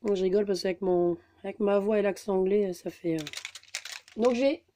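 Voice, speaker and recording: Chatty woman, mellow voice. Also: medium pitch, normal speed, a little hiss or hum. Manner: chatty, hesitant, many fillers. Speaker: scrapbooking vlogger. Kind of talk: casual haul video.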